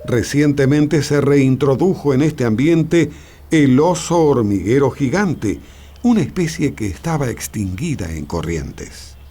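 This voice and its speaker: A man narrating a scripted nature documentary in a measured, explanatory way. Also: mid-range voice, lively intonation, dark tone, breathy edge. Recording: music behind the voice. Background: background music.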